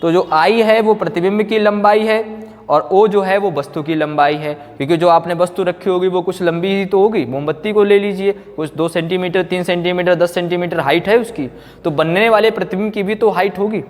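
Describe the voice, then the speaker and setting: A man delivers a classroom physics lecture explaining formulas, teaching didactically and often posing questions he then answers himself. He speaks fairly quickly in a high-pitched voice, and the recording has echoey, hall-like reverb.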